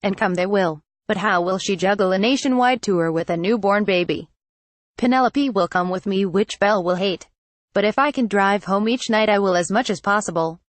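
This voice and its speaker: A woman reading a news article aloud in a steady, even manner, web page clutter included. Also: mid-range voice, normal speed, no room sound. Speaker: article reader.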